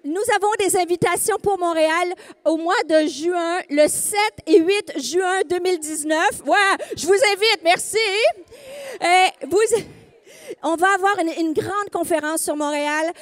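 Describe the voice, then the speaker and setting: Québécois woman preacher, very high voice, rousing call-and-response, dry close sound. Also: unhurried, dry recording. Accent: Québécois French. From Quebec, Canada. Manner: rousing, calls out to the crowd. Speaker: women's ministry leader, speaker. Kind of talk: conference sermon.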